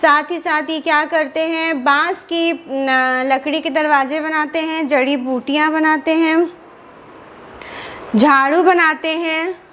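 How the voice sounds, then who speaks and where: A woman with an Indian Hindi accent teaches an exam-prep lesson at an unhurried, deliberate pace. Her voice sits high, and she poses questions aloud, then answers them by repeating the key words. The delivery is patient and drill-like, built for note-taking. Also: fairly even intonation, a bit bright. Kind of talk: classroom lecture with repetition and revision.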